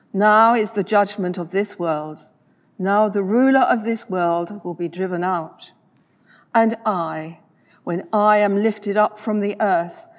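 A woman reading the gospel at a church service in a measured, solemn way, her voice carried by cathedral echo. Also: mid-range voice, darkish tone. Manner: measured and solemn, with dropping phrase endings. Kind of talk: slow formal liturgical reading. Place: large church. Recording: long reverb of a large church.

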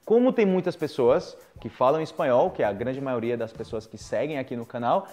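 In a casual advice monologue for video, a young Brazilian Portuguese-accented language teacher repeats words for emphasis while giving direct, persuasive guidance. He talks briskly in a mid-range, darkish voice with lively intonation.

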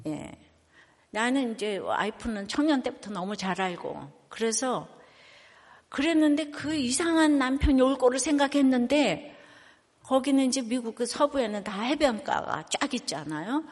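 A woman's voice: on the high side, animated, moderate pace. An older woman pastor preaching a sermon, telling stories and asking the congregation questions. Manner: chatty storytelling, asks the congregation questions. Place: church sanctuary. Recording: long hall reverb.

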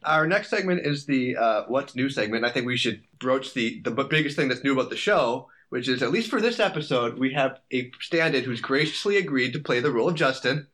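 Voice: medium pitch, expressive, brisk, few pauses, fairly bright tone. A podcast co-host in casual chat, playful and loose, with many fillers.

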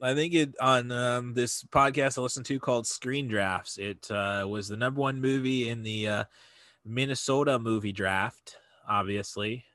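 A man chatting casually on a podcast, talking haltingly with many fillers and restarts. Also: medium pitch, steady tone, fairly bright tone, no room sound.

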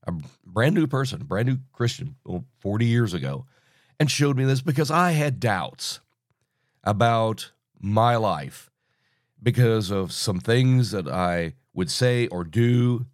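A man in his sixties hosting an informal Bible teaching podcast, talking in a halting, rambling way, sounding hollow as if through a tunnel. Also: fairly low pitch, no echo, clean studio sound. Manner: halting, rambling, self-interrupting. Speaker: podcast host.

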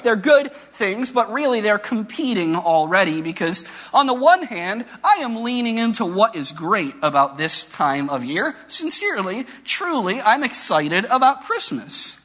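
Pastor, male, husky tone, lively pitch, unhurried conversational sermon delivery. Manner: conversational, reflective preaching with rhetorical questions.

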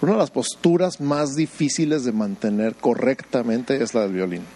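This male pastor speaks at medium pitch and moderate speed in a dark tone, firing rhetorical questions at the congregation. He drifts into funny asides and performs the voices of doubters as quotes. The poor recording carries a little hiss or hum.

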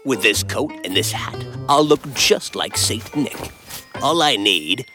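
A man's voice: mid-range voice, lively intonation, measured pace, music in the background, lightly acted. A man voicing a grumpy, scheming creature who hates Christmas, snarling and sneering his lines in a storybook reading.

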